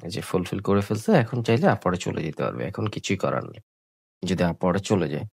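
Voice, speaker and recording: Low-voiced man explaining trades. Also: sing-song, vocal fry, slightly rough, no echo. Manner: slow, repetitive explaining with English words mixed in. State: sick, coughing. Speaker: trading tutor. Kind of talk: live trading screen commentary.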